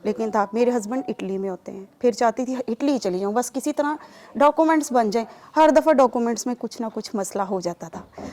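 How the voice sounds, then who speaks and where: Woman from Pakistan, earnest testimony, slightly higher voice, rising to emphatic pleas. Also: mellow. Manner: earnest, grows emphatic and pleading while recounting. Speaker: testimony giver. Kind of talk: personal testimony interview.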